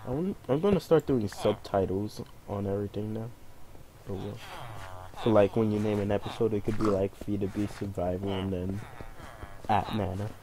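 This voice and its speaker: A man's voice: lowish voice, normal speed, crowd noise. A man hosting a gameplay video at home, chatting casually and rambling as he plays. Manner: rambling, hums to himself. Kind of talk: casual game commentary. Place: family home. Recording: noisy home recording.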